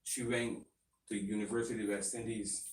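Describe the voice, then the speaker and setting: Radio co-host, man, lively and loud in bursts, roomy studio, mic set back. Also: fairly low pitch, moderate pace. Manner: animated, rising to loud excited bursts. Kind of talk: casual radio talk. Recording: roomy studio, distant mic, faint noise.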